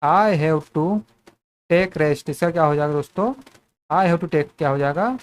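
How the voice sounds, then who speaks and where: A man's voice: a little high, slow, smooth. A man teaching spoken English in Hindi, asking the same questions again and again and calling his viewers friends.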